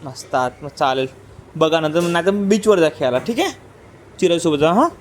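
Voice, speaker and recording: High-voiced man with vlogging. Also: expressive, normal speed, slight background noise. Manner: teasing, playful talk to his child, drops to quiet asides to camera. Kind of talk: casual family vlog chat.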